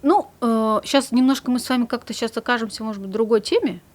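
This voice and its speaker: Speaking fast in a slightly high voice, a woman psychologist guests on a studio conversation. She explains calmly, letting the ends of her phrases fade off softly.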